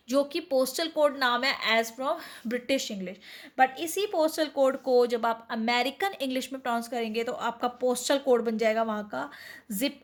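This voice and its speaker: A woman's voice: sits high, fairly bright tone. A woman teaching a vocabulary lesson in a chatty way, often asking the viewers questions and then answering them herself. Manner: addresses viewers as friends, asks and answers own questions. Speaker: English teacher.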